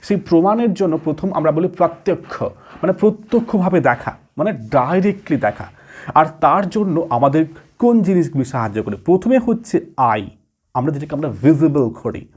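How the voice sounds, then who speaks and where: A man giving an exam-prep lecture from home, reading English definitions slowly and then explaining them in quicker talk with fillers. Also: a little high, lively intonation, darkish tone, slightly rough. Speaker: teacher.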